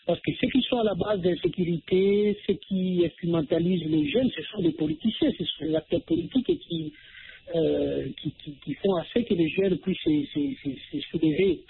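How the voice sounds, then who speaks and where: A man's voice: high voice, big pitch swings, a little fast, vocal fry, a little hiss or hum. A man with a Congolese French accent calling in to a radio show over a phone line, hesitant, with many fillers and repeated words.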